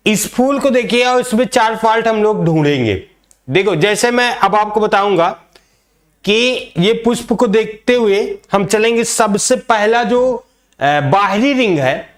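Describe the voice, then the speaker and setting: A male biology teacher lecturing a class, showing a flower, repeating each term and quizzing his students. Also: sits high. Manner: repeats key terms and quizzes students with "क्या बोलते हैं?"; calls students "बेटा", demonstrates with a flower.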